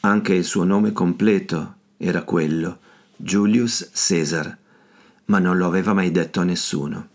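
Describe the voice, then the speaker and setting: A man narrates an audiobook in a steady, measured manner. His voice sits very low. The reading is carefully scripted. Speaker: audiobook reader.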